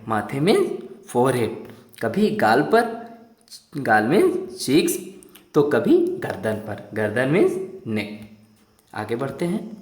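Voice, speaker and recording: A male teacher reads a story aloud to young pupils at a slow, careful pace. His pitch rises and falls with lively expression. He asks and answers his own questions, and his voice echoes around the room. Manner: repeats questions and explains words. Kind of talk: children's lesson reading a story aloud. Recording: roomy echo.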